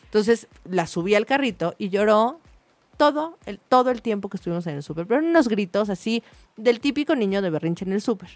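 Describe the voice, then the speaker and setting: A woman, chatting casually about parenting and telling a lively anecdote with acted-out voices. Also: mid-range voice, fairly quick, dry recording. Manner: animated storytelling, acts out voices in anecdotes.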